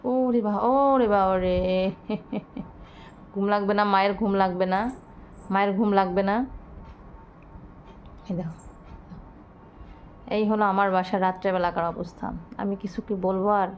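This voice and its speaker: A woman filming her pets at home at night, coaxing and scolding them in a lively, affectionate way. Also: mid-range voice, moderate pace, pauses often, highs cut off, slight background noise. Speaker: pet vlogger. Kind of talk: casual vlog narration.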